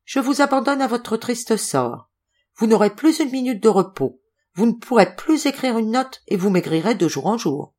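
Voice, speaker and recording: A woman's voice: fairly high pitch, moderate pace, voice pushed up. Woman reading as an intense, eccentric old doctor. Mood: threatening. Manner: animated, theatrical declaiming.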